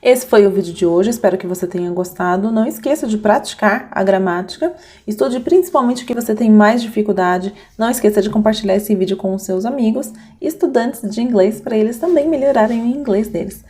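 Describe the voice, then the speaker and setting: A young woman teaches English grammar straight to her viewers. She slows down to spell out rules and model short example phrases, then picks the pace back up. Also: mid-range voice, mellow.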